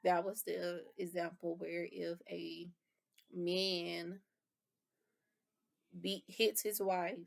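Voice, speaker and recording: Low gravelly woman lecturing. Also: little pitch movement, very slow, long pauses. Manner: explanatory, rephrases terms with fillers. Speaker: instructor. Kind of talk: lecture review.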